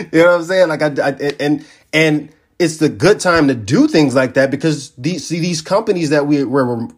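A man co-hosting a tech podcast, chatting casually and telling stories with slang. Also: medium pitch. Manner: laid-back, animated storytelling with slang. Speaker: podcast co-host. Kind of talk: casual chat.

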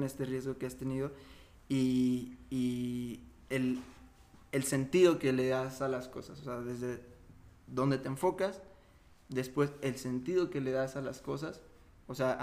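Earnest man in his thirties. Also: medium pitch. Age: 30s. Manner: earnest, rambling, many restarts. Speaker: podcast co-host. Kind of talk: casual podcast chat.

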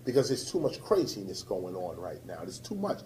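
A man from the United States, a rapper, giving an impassioned public talk to an audience, emphatic and repeating key phrases, swinging between loud and hushed. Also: sits low, very animated, normal speed, slight background noise, low-quality recording.

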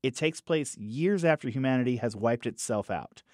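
A man's voice: medium pitch, normal speed, dry recording, clean studio sound. A man reviewing films in a casual podcast chat, talking animatedly and restarting phrases as he thinks aloud. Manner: animated, acts out quoted characters in raised voices. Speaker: film reviewer.

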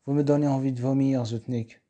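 A man's voice: mid-range voice, fairly even intonation, fairly quick, dark tone, close to an everyday voice. A man reading aloud, voicing a male writer who threatens a lawyer in a curt, pressing way. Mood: cold. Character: angry male writer with power saw.

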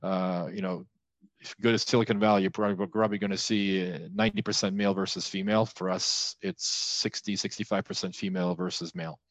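A man's voice: sits low, fast talker, a bit bright, no echo. A middle-aged man from France, a tech entrepreneur talking as a podcast guest, fluent but with many fillers and restarts. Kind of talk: conversational interview.

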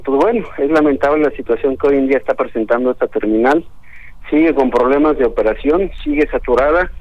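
A man phones in to a radio show, his voice coming through a dry, close telephone line. He sounds earnest and aggrieved, laying out a formal complaint. His sentences keep stalling on small fillers, while his pitch stays at an ordinary middle level. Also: dry recording. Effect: heard over a telephone line as a radio caller. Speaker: phone-in caller, transport union leader.

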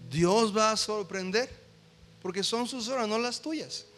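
A man's voice: sits high, a bit bright. A man preaching a sermon as pastor, shifting between conversational storytelling and passionate, emphatic repeated declarations. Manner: conversational storytelling with quick asides. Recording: long hall reverb with faint music behind.

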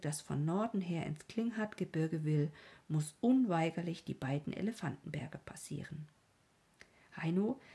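A woman reading an adventure story aloud as narrator, in a storytelling manner that turns softly hushed at times. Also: on the low side, husky. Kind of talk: scripted audiobook narration.

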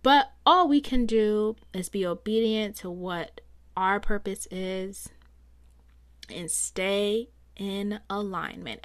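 In this solo podcast monologue, the female host muses aloud, chatty and reflective, padding her rambles with fillers. She has a medium pitch with some brightness, and her voice shows strain from talking so much.

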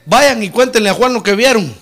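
Male pastor, middle-aged, high and very animated voice, preaching with swings from loud to quiet. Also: brisk. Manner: preaching with humor, rising loud on key points and dropping low and soft on "hermano". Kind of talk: sermon.

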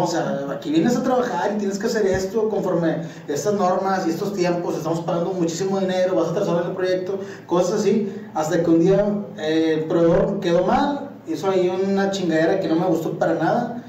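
Young Mexican guy, high voice, mellow tone, slangy rambling chat, echoey room, mic at a distance. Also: slight background noise. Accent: Mexican Spanish. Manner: slangy, rambling storytelling with many fillers. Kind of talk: casual chat.

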